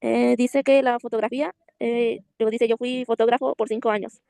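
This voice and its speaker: A woman's voice: fairly high pitch, fairly even intonation, normal speed, creaky, dark tone, smooth, no room sound. A woman student translating answers aloud in class, hesitant and unsure of some words.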